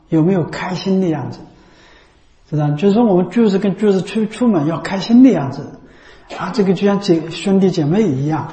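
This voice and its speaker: A man's voice: high-pitched, warm tone. A man teaching a group how to recite a Buddhist chant, repeating himself and demonstrating the chant as he goes. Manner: repetitive, keeps asking "know what I mean?". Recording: echoey room.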